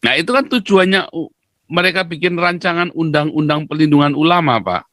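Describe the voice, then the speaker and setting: A man speaking as a guest commentator in a talk-show discussion, emphatic and lecturing, with sudden jumps in pitch. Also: fairly quick, a bit bright, no room sound.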